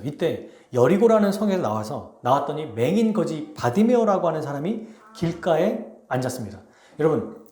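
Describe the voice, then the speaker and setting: A man preaching a sermon as pastor, telling a story with lively, questioning delivery to his congregation. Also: on the high side, echoey room. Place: church sanctuary.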